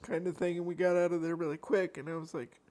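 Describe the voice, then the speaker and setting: A man's voice: fairly high pitch, little pitch movement, quick pace, a little mellow. A man eating on camera and chatting at home, rambling with lots of fillers and restarts. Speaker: mukbang vlogger. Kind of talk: casual chat while eating. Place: home, at a desk by a laptop.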